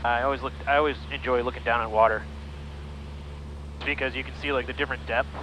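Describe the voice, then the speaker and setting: A man with a medium-pitched, bright and forceful voice talks fast with fairly even intonation while flying a small plane, chatting casually as a private pilot and making radio calls. He speaks through an aviation headset intercom, and the low-quality cockpit recording carries faint engine noise.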